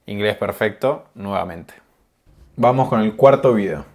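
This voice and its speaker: A man, calmly explaining usage over video clips. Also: lowish voice, a little slow, faint music behind. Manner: calm, explanatory, amused. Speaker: Spanish teacher.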